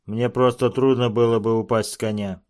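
A man's voice: mid-range voice, level tone, normal speed, a little mellow, lightly acted. Man reading a cool, curt chief. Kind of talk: audiobook character voice.

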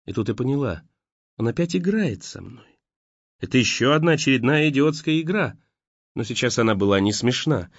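A man narrating an audiobook in a steady storytelling manner. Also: mid-range voice, fairly quick, breathy edge, dry recording. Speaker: audiobook reader. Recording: dull lo-fi dry recording.

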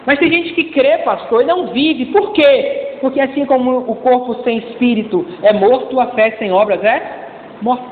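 A male pastor preaching a sermon in a lively, joking way, calling out to the congregation for responses. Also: extremely high pitch, normal speed, slight background noise. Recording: echoey church hall over a tinny lo-fi line.

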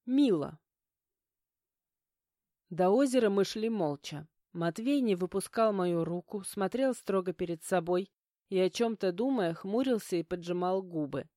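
A woman reading a first-person novel aloud in an even, measured way. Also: medium pitch, dry recording, clean studio sound. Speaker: audiobook narrator. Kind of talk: first-person audiobook narration.

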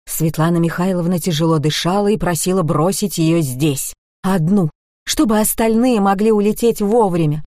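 A woman narrating an audiobook in a lively, expressive reading. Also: on the low side, moderate pace, dry recording, studio quality.

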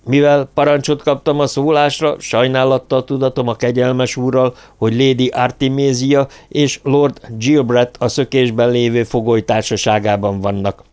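A man's voice: medium pitch, little pitch movement, hardly any pauses, darkish tone, clear, resonant tone, pitched above the performer's own voice, close to an everyday voice. A man voicing a stiff, formal male guard captain who speaks in clipped reports. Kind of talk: audiobook character voice.

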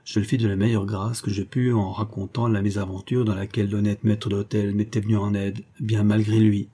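A man reading a classic comic story aloud as narrator, lifting his pitch for the quoted characters. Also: flat delivery, a little fast, dark tone, slightly rough.

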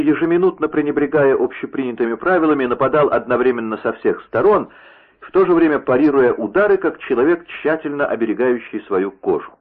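A man narrating an adventure story in a steady, expressive reading voice. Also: medium pitch. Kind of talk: dramatic audiobook reading. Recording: tinny phone-like radio sound.

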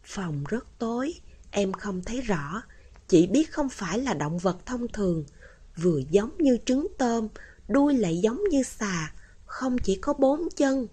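A woman voicing a shy young female healer student who hesitantly tells a frightening story, in a husky voice. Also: a little high, expressive, unhurried, warm tone. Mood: frightened, recounting.

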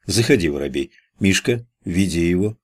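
A man's voice: low voice, lively intonation, normal speed, darkish tone. A man voicing a brusque gravedigger foreman who gives curt commands. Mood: bossy, curt.

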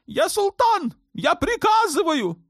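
A man's voice: very animated, slow pace, fairly bright tone, dry recording, studio quality, heavily acted. A man voicing a hysterical, tyrannical young sultan in an audiobook, shrieking his orders in fits of rage. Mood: raging. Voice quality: shrill screaming. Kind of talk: audiobook character voice.

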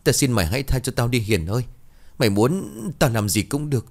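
A man's voice: mid-range voice, lively intonation, fairly quick, voice pushed up, natural voice. A man voicing a terrified, cowardly young man who stammers and pleads, trembling, in a narrated horror story. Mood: begging.

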